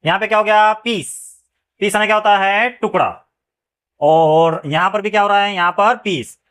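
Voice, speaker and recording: A man's voice: high-pitched, normal speed, fairly bright tone, clear, resonant tone. A man teaching English phonics, asking his students a question after nearly every word and then answering it himself. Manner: asks the class questions and answers them himself; often adds a check-in phrase after a point. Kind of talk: classroom-style phonics lesson.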